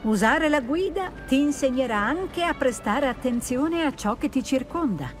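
Older lady magic teacher in a game, brisk n encouraging, high lilting voice, music behind. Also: expressive. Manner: brisk, articulate, instructive. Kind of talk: video game voice acting.

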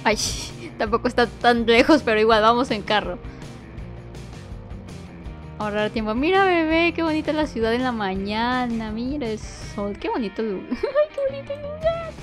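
A woman giving playful commentary on a game, excitable, squealing and shrieking at every fall. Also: on the high side, moderate pace, faint music behind. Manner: talks to the baby as she plays. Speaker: gaming youtuber.

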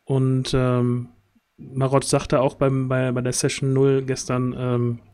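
A tabletop role-play streamer and player gives casual feedback after a game on a group video call from indoors. His mid-range voice is completely flat, slow, a little mellow, clear, and resonant. He feels his way thoughtfully through his sentences, often rephrasing.

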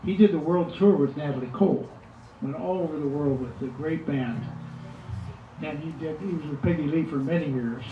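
A man's voice: fairly high pitch, normal speed, slight background noise. Older man, loose rambling talk, dull lo-fi sound in an echoey shop. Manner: rambling, with fillers and restarts. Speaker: musician speaking at an event. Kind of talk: casual remarks to an audience. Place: music shop, indoors. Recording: echoey room from far off, dull lo-fi.

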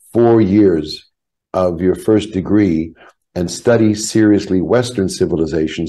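A man in his seventies from Canada, a rabbi telling his life story in a measured, reflective way over a video call. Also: deep voice, mellow. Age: 70s. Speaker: guest, rabbi. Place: home office. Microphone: video call webcam.

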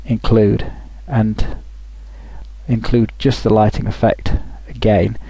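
A man talking through a software tutorial over a screen recording, thinking aloud with frequent restarts. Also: on the low side, little pitch movement, takes it slowly, vocal fry, breathy edge, no echo, rough recording.

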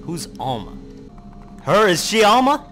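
A young man playing a horror game, swearing, yelling and pleading at jump scares. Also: high voice, big pitch swings, unhurried, soft background music. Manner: jumpy, profane, yells and pleads at the game. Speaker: gaming YouTuber. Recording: noisy background.

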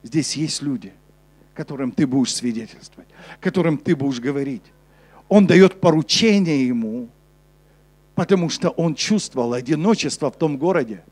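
A young man preaching a sermon on a church stage with a handheld mic, switching between emphatic urgency and a soft, low delivery. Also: lively intonation, moderate pace. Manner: preaching with rising intensity, then dropping soft and low for scripture. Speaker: pastor. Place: church stage before a congregation.

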